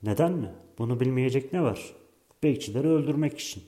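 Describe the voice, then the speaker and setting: A man voicing a quiet, thoughtful boy who speaks in a low, matter-of-fact mutter in a storybook reading. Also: lively intonation, fairly quick, lightly acted.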